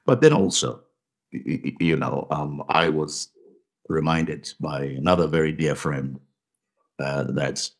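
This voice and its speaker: A man's voice: very deep voice, a little slow. A middle-aged man from a Tanzanian family who grew up in Zimbabwe, guest actor on a podcast, speaking thoughtfully with many restarts and repeated words. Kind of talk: conversational podcast interview.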